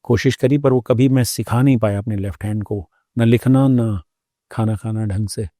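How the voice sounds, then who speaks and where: A man, a doctor, telling his personal story as an interview guest, thoughtful and unhurried, with pauses and hesitations. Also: fairly low pitch, fairly even intonation, warm tone, dry recording, clean studio sound.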